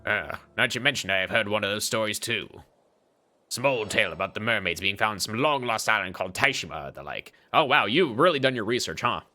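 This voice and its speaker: A man's voice: lowish voice, animated, quick pace, sharp tone, faint music behind, pitched below the performer's own voice. A man voicing a smug, greedy schemer. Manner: taunting, smug. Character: greedy scheming man obsessed with mermaids and immortality. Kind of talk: game voice-over by a streamer.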